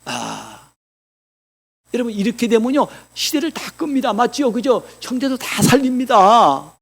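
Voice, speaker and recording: High-voiced emphatic male pastor preaching. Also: big pitch swings, a little slow, gravelly. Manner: emphatic, rhetorical questions to the congregation; swings between loud declarations and quiet asides. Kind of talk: sermon. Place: church.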